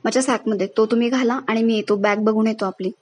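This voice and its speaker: A woman's voice: on the high side, fairly even intonation, fast, darkish tone, lightly acted. Brief: female reader voicing an eager romantic young husband, light and plain.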